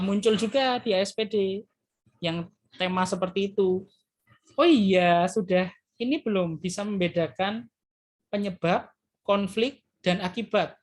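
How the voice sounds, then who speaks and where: A male teacher reviewing for an exam, explaining loosely and hesitantly with frequent filler tags and addressing his students as children. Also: high-pitched. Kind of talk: classroom exam review lesson.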